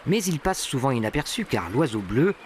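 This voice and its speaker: A man's voice: mid-range voice, sing-song, normal speed, a little hiss or hum. A man reading scripted narration for a nature documentary. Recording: animal and bird sounds behind. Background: birdsong and natural ambience.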